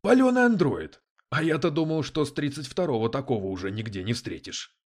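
A man voicing a brash male police detective who talks in crude slang, loud and sarcastic. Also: on the low side, lively intonation, brisk. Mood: scoffing.

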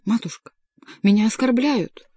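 Hysterical raging king, read by a woman, shrill and pitched up, dark dry voice. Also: a little slow, husky, no echo. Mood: aggrieved. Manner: shrill, overwrought outbursts. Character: hysterical, raging male king, middle-aged.

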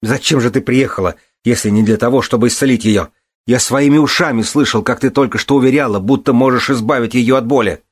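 A man voicing a grief-stricken young man who shouts furious accusations. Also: mid-range voice, a little fast, husky, voice pushed up, natural voice. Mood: furious shouting. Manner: shouting, frantic.

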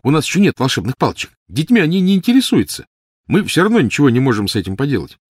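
A man's voice: fairly high pitch, very animated, quick pace, slightly rough, no echo, clean studio sound, voice pushed up. A man voicing a bold, cheerful little girl who teases her sister. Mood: lively.

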